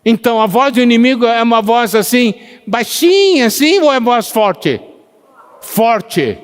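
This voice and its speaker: A man preaching a sermon who slows down to stress scripture and asks the congregation questions, pausing for their answers. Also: very high-pitched, lively intonation. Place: church meeting hall. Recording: long hall reverb.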